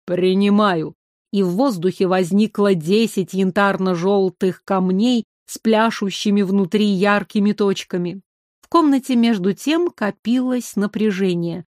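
A woman narrating an audiobook with an expressive storytelling manner. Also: medium pitch, unhurried, no room sound, studio quality.

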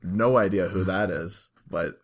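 A man's voice: deep voice, unhurried. A young man co-hosting a podcast, laid-back and agreeable in casual chat. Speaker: podcast co-host.

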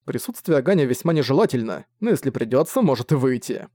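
A man's voice: mid-range voice, big pitch swings, fast, dark tone, no room sound. Man narrating, dry close sound. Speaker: audiobook narrator. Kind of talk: scripted narration.

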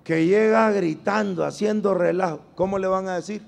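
A man's voice: high voice, moderate pace, vocal fry. A man preaching a sermon to a congregation, emphatic and drawn out, calling on them to repeat after him.

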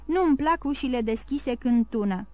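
A woman's voice: sits high, expressive, warm tone, dry recording. A woman voicing a grim, scheming innkeeper's wife with a tremulous, sly and menacing way of speaking.

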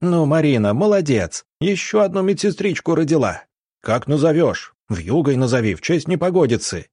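A man's voice: medium pitch, very animated, a little fast, breathy edge, no room sound, clean studio sound. A man doing rowdy cheering soldiers. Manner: boisterous shouting. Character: rough soldiers, loud and cheering.

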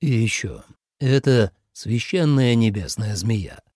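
A man reading an audiobook voices a weary male war god general, calm and measured. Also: medium pitch, no room sound, clean studio sound.

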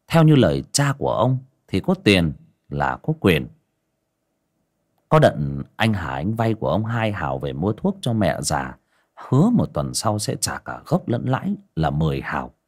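A man narrating a dramatic story in an expressive storytelling manner. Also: on the low side, slightly rough.

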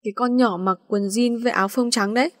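A composed young male teacher answers with weary, dry calm in a storybook tale, put on by a woman narrator. The voice sits high. The recording is close and dry. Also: fast talker, no echo, close to an everyday voice.

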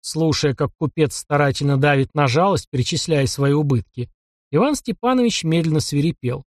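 A man narrating an audiobook with a steady, expressive reading on a close mic. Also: fairly high pitch, normal speed, dry recording.

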